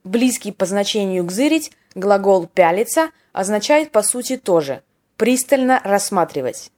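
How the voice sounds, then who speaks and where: With a mid-range, slightly mellow voice, lively intonation and a normal pace, a woman teaches Russian slang on her podcast. She narrates from a script in a wry, playful way and performs brief sample dialogues.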